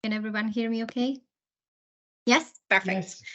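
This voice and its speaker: A middle-aged woman giving an informal workshop presentation over a video call, hesitant and pausing often. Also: on the high side, bright, forceful tone, dull audio. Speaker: programme manager presenting at a workshop. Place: indoor room, on a video call. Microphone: video call microphone.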